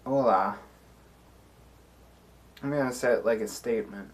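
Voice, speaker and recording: A man playing a solo tabletop game on a live stream, deliberating out loud with many fillers and restarts. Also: lowish voice, a little slow.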